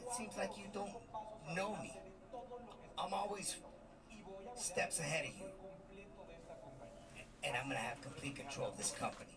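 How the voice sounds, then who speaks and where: A man's voice: sits high, sing-song, moderate pace, pauses often. A man playing a scheming, confrontational character in a pro wrestling backstage promo. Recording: distant TV playback, loud crowd noise.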